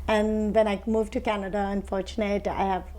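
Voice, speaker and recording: A woman in her forties from India, a henna artist telling her story in an interview with chatty, lively restarts. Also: mid-range voice, fairly quick. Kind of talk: interview conversation.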